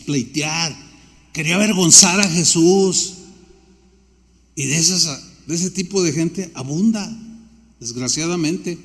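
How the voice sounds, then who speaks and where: A male pastor delivers a conversational sermon in a notably high voice, slipping into little acted dialogues. The sound carries the long reverb of a large church hall. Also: fairly bright tone. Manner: conversational preaching, acts out dialogue.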